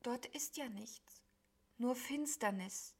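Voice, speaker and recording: A gloomy cloud creature from a storybook, put on by a woman, speaks in a soft, whining, mournful tone. It sounds sulky and weary, quieter than the narration around it. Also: on the high side, slow pace, husky, pitched above the performer's own voice, heavily acted. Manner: whiny, mournful.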